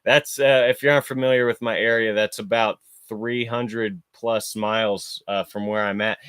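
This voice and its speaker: A man talks through his solo podcast in a loose, rambling way, stopping often for fillers and starting sentences over. His voice sits at an ordinary middle pitch. The recording is close and dry, with no room sound. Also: a bit bright, dry recording. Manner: rambling, filler-heavy, self-correcting. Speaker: podcast host. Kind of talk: casual solo podcast monologue.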